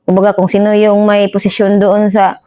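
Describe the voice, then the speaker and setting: A woman's voice: medium pitch, monotone, brisk, mellow. A woman corporal telling her combat story to an officer, respectful and deferential. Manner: respectful, says "sir" after nearly every phrase. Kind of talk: interview storytelling.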